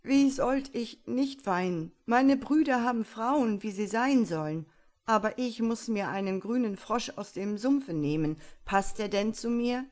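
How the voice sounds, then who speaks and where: A woman reading a fairy tale aloud, voicing a weeping young prince in a high, pleading voice. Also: animated, a little slow, a little mellow. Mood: lamenting. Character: sobbing young prince, plaintive and helpless.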